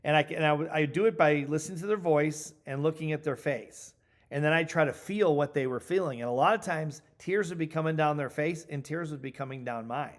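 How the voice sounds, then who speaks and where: As a coaching trainer, a middle-aged man gives an instructional talk, speaking emphatically and deliberately. He repeats key points for stress, and his voice is a little high.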